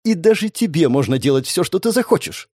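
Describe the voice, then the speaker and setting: A man's voice: very animated, brisk, darkish tone, no room sound, clean studio sound. A man voicing a haughty, bitter young woman model who hisses her contempt. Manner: hissing, contemptuous, rising to shrill complaint.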